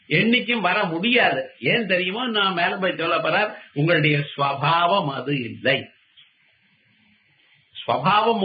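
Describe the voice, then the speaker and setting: A man teaching Vedanta in a spiritual discourse, chanting verses slowly and then explaining them with rhetorical questions. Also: high-pitched. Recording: dull lo-fi recording.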